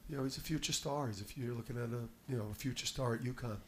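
A middle-aged man, a basketball head coach, fields postgame press conference questions at a table mic on a stand in a press room. His mid-range voice moves very fast, and he sounds confident and emphatic, repeating words and restarting as he begins. There is slight background noise.

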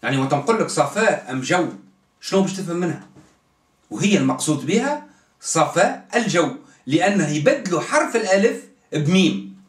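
A Tunisian-accented man talks in a lively, up-and-down voice pitched a little high. He explains in a casual way and keeps checking that his listeners follow. The sound is echoey, as if he sits back from the mic in a bare room. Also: a little fast. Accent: Tunisian Arabic. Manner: animated, acts out dialect pronunciations, keeps asking "understand?". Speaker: channel host explaining religious history. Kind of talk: casual explanatory talk to camera. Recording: roomy echo, voice from a distance.

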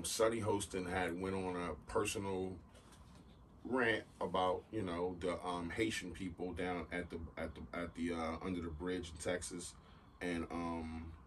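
A man co-hosting a podcast, chatting casually in a laid-back, rambling way with many fillers. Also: deep voice. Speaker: podcast co-host. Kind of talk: casual chat. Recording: distant mic with faint noise.

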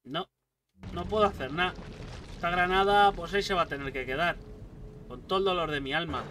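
A young man giving excitable let's play commentary, swearing often and talking back at the enemies on screen. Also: high-pitched, fairly quick, recorded from a distance, slight background noise. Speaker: gaming YouTuber. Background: gunfire and game sounds.

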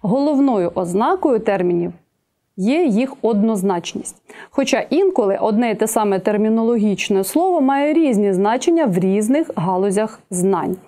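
A woman teacher giving an exam-prep video lecture, listing examples one at a time in a measured way. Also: mid-range voice, lively intonation, dark tone.

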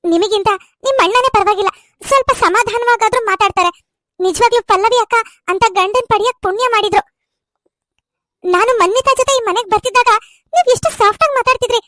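A woman voicing a very high-pitched young bride. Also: a little fast, fairly bright tone, no room sound, studio quality. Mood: resolute. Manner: pleading, tearful complaining. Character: young bride and student, tearful and hurt. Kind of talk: cartoon serial voice acting.

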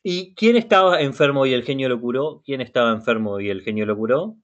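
Give me a male teacher on a video call, mid-pitched voice, muffled sound, encouraging and repetitive. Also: expressive, fairly quick. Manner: encouraging, repeats words often. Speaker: language facilitator. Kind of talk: reading a story and quizzing learners. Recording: muffled web meeting audio.

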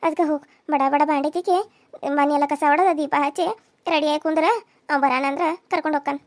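A woman's voice: high voice, steady tone, a little fast, dry recording, close to an everyday voice. A woman with a North Karnataka accent voicing a weary older village mother-in-law in a cartoon serial, resigned and brusquely ordering chores. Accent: North Karnataka Kannada.

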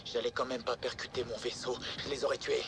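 A man's voice: mid-range voice, flat delivery, a little fast, vocal fry, close to an everyday voice. A man acting an earnest, commanding space marine commander in a French game dub. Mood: somber, resolute. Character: steadfast military commander leading stranded space marines. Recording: noisy battlefield ambience behind the voice.

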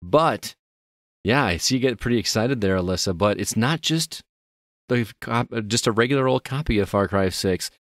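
Low-voiced chatty male podcast host. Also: animated, normal speed, no room sound, clean studio sound. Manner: upbeat, chatty, laughs easily. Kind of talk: casual podcast chat.

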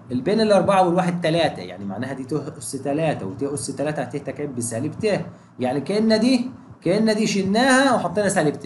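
Egyptian man teaching math, very animated delivery, quizzing students as he goes, echoey room. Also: fairly high pitch, slight background noise. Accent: Egyptian Arabic. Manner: energetic, keeps asking students questions. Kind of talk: exam exercise walkthrough.

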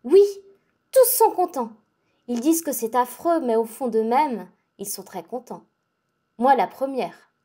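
A feverish young girl who swings between rapture and dread, her speech breathless and urgent, as a woman reads her. The voice sits fairly high, with a soft, mellow tone. This is a dramatic audiobook reading. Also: a little slow. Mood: intense. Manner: excitable, breathless, intense.

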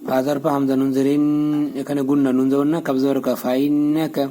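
A man teaching a prayer, spelling out letters and vowels at a quick clip, then chanting the joined words slowly. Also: medium pitch, monotone, warm tone. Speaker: Quran recitation teacher. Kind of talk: spelling out and reciting Arabic prayer.

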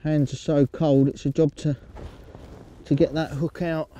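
A middle-aged man calmly explaining his fishing method outdoors at a lakeside, speaking steadily into a lapel mic. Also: a little high, unhurried. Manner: calm, steady, explaining as he fishes. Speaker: angling coach.

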